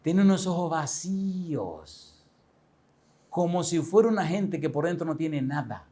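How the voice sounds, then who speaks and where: A pastor in his sixties telling a personal story in a sermon, with animated, chatty delivery and frequent laughs. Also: a little high, measured pace, slightly rough. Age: 60s.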